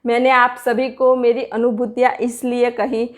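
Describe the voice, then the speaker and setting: A woman's voice: a little high, flat delivery, moderate pace. A middle-aged woman earnestly recounting her meditation experiences and preaching to listeners in a repetitive, direct way. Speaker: spiritual speaker sharing meditation experiences. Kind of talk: personal spiritual talk.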